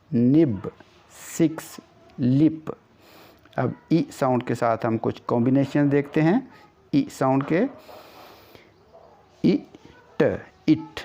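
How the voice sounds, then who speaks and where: A man teaching English phonics in a slow lesson, repeating each vowel sound several times. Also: medium pitch, creaky, warm tone. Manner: drills sounds by repeating them. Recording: dull lo-fi recording.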